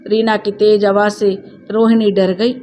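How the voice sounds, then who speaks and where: A woman telling a scripted family drama story in a steady, plain narrating voice. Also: medium pitch, unhurried.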